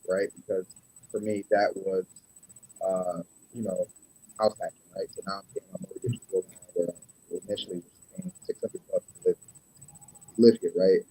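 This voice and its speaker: A man's voice: deep voice, level tone, moderate pace, pauses often, dark tone, husky, poor audio. A young man chatting casually as a guest on a video call, with many fillers and tag questions, his audio cutting in and out so the volume keeps jumping. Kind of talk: casual chat.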